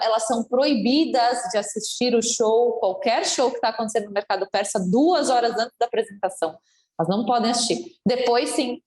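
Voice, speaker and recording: Firm, brisk woman dance teacher in a podcast chat, voice on the high side, roomy sound. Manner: brisk, firm, laughs at own slips. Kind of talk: casual podcast interview. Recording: roomy echo.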